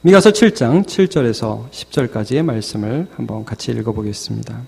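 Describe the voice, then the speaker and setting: A man preaching a Sunday sermon, animated, with his voice swinging from low and quiet to high and forceful. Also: fairly quick, creaky, slightly rough. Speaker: pastor. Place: church sanctuary. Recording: long hall reverb.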